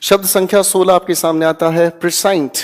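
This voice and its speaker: A man's voice: sits high, level tone, brisk, big-room sound. A man teaching English vocabulary in Hindi for exam prep, drilling words aloud with his students and checking in often.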